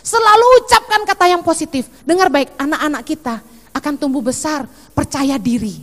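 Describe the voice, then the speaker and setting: Middle-aged female pastor, lively preaching with a high voice, reverberant hall sound. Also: moderate pace. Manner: animated, acts out quoted voices. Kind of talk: sermon.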